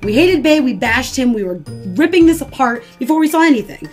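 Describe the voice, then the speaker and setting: A young female vlogger rants through an animated reaction at a brisk pace, her slightly high voice sarcastic and exasperated the whole way through. Faint music plays in the background.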